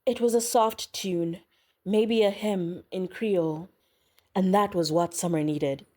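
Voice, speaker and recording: Woman narrator, lowish voice, measured audiobook reading. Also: a little mellow. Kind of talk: scripted narration.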